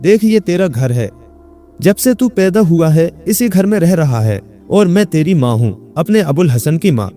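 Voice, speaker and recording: A man voicing an elderly mother who anxiously pleads with her confused son, in a raised, higher voice. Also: sing-song, measured pace, mellow, soft background music. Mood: pleading.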